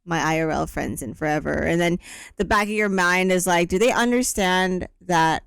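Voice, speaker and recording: A woman in her thirties chats casually as a podcast co-host, rambling easily from one thought to the next. Her voice is smooth and sits a little low for a woman. The sound is dry and close, with no room echo. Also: normal speed. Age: 30s. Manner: easygoing, rambling with fillers. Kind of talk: casual chat.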